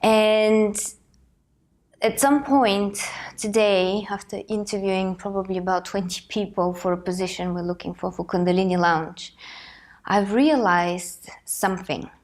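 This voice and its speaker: A Bulgarian woman in her thirties hosts a personal motivational talk while she has a cold. Her mid-range voice holds a steady tone and moves a little slowly as she thinks aloud, earnest and reflective.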